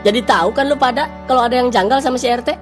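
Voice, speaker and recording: A woman's voice: a little high, rapid-fire, lightly acted. A woman voicing an easygoing village shopkeeper man, teasing and gossipy, in a school cartoon. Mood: casual. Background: background music.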